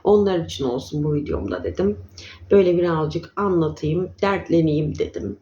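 A woman's voice: low-pitched, expressive, normal speed, dark tone, muffled recording, a little hiss or hum. A woman chatting casually in a vlog, affectionately calling her viewers dear ones. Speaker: vlogger.

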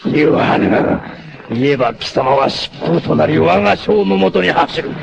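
A male actor playing a battered, defiant free-spirited warrior in a 1980s anime, cocky, rough-spoken and theatrical, with a gravelly, strained voice. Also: on the high side, expressive, a little slow, crowd noise, heavily acted. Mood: strained defiance. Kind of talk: dramatic 1980s anime acting. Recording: noisy old anime soundtrack clips.

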